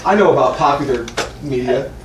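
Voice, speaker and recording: Jokey man player, echoey far mic. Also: mid-range voice. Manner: jokey, quick banter. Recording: echoey room, mic far off, crowd noise.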